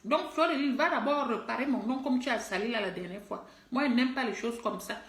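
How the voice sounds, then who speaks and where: Middle-aged woman, high-pitched, emphatic and scolding, direct-to-camera social post, echoey room. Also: fairly quick. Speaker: online personality and musician. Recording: roomy echo.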